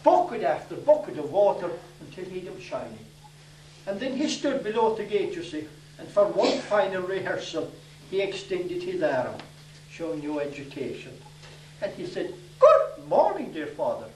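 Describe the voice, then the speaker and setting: A man's voice: high-pitched, expressive, normal speed, darkish tone, a little hiss or hum. Older Irish man telling comic stories. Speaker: storyteller. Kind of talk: comic storytelling to a live audience. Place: day centre hall. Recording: echoey room from far off.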